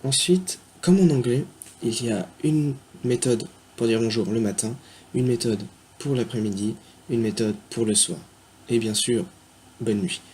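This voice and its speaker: A man teaching a beginner language lesson on video, talking unscripted, spelling words out slowly and stopping often to hesitate. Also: mid-range voice, a little mellow. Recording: faint background noise.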